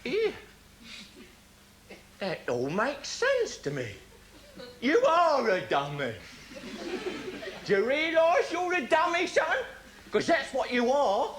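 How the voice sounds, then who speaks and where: A man's voice: huge pitch swings, slow, pauses often, exaggerated voice. A man voicing a bullying, sarcastic nineteen-year-old traffic policeman, mocking and hectoring. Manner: mocking, hectoring, big swoops in pitch. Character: bullying sarcastic teenage male traffic cop. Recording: live stand-up with loud audience.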